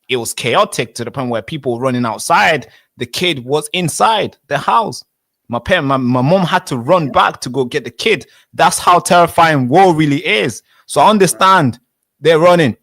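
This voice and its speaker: Young man, twenties, from Tanzania, insistent, slightly high voice, heated debate. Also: fairly bright tone, dry recording. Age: 20s. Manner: insistent, interrupts with repeated "wait, wait". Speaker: interviewee.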